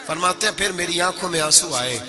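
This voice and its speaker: A man preaching a sermon. He tells the story dramatically, with sudden loud outbursts and a sing-song, chanted delivery. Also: high-pitched.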